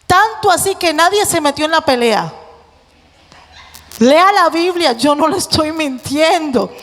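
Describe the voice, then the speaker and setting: A woman preacher giving a lively sermon, acting out voices and joking with the congregation. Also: high-pitched, unhurried. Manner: animated, acts out voices, jokes with the congregation. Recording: long hall reverb.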